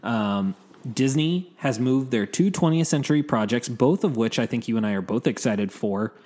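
A man's voice: mid-range voice, lively intonation, normal speed, mellow. A man co-hosting a casual movie news podcast in an upbeat, informal way, recorded in an echoey untreated room. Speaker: podcast co-host. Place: new home podcast studio without soundproofing.

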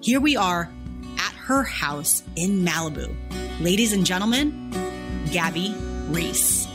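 At a guest's home, a woman in her forties hosting a podcast moves from a scripted introduction into eager interview questions, warm and enthusiastic. Her voice is on the low side, expressive, and slow, heard over music.

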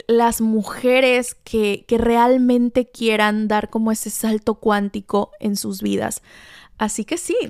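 Upbeat woman with a smooth, clear voice. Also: a little high, no room sound, studio quality. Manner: enthusiastic, addresses listener directly. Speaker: podcast host. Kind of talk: motivational spiritual monologue.

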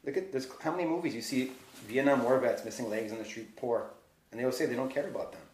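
A man's voice: medium pitch, fast talker, a little mellow, slight background noise. A man hosting a podcast, ranting heatedly in casual conversation and swearing freely. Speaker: podcast host. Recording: roomy echo.

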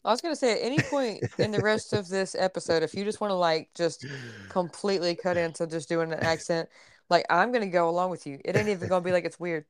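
Woman, podcast host, slightly low voice, playful chatty manner, dry close recording. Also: fast talker, dry recording. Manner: chatty, playful, uses "like" a lot. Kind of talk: casual chat.

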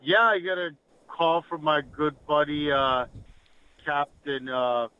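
A man giving a casual fishing report as a podcast guest, halting often mid-sentence. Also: a little high, clear, resonant tone. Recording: dull, lo-fi call audio.

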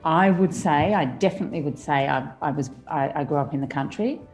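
A middle-aged Australian woman chatting as a podcast guest, animated and stumbling over restarts. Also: low voice, a little fast, soft background music. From Australia (Victoria). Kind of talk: casual podcast interview.

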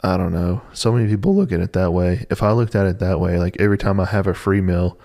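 Man, fairly low voice, easygoing storyteller, fitness podcast. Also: fast, gravelly, mellow. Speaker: podcast co-host, coach. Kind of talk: casual chat.

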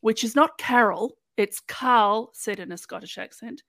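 A woman's voice: fairly high pitch, expressive, moderate pace, creaky, a bit bright, no echo. A woman hosting a podcast, walking through an episode in a playful, chatty storytelling way. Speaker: podcast host recapping episodes. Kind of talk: casual chat, episode recap.

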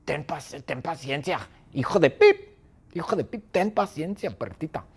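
A man's voice: on the high side, expressive, normal speed, breathy edge. A man voicing a patient talking head with no body, pleading and begging for patience.

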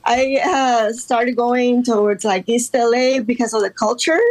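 A woman's voice: a little high, steady tone, unhurried. Hesitant woman guest from Guatemala. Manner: hesitant, many fillers and restarts. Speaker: guest artist. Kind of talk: casual interview talk.

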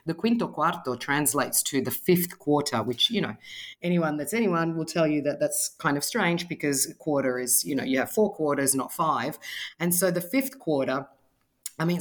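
A woman with an Australian accent, a cookbook author chatting in an interview, explaining dishes with lots of casual fillers. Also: deep voice. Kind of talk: conversational interview.

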